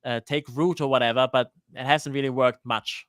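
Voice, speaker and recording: A man's voice: medium pitch, fairly even intonation, moderate pace, fairly bright tone, dry recording, studio quality. A man in his thirties from Denmark, a guest on a live-streamed interview, talking hesitantly with many restarts. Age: 30s.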